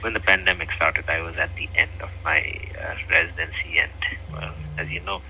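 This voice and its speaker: A physician from Nepal speaks earnestly as a guest in an interview, with a Nepali accent. His very low voice is strikingly bright and forceful yet flat, a little fast, and full of hesitations and fillers. The low-quality line carries faint background noise.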